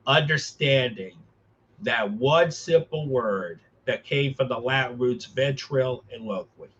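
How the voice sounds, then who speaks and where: A man talking earnestly as a podcast host, emphatic and halting, often repeating his phrases. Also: mid-range voice, fairly bright tone, slightly rough, muffled recording. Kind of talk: earnest conversational talk.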